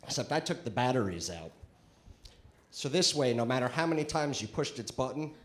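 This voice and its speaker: A man's voice: medium pitch, animated, a little fast. A male stand-up comedian performing a conversational set with crude punchlines on a comedy club stage, into a handheld mic.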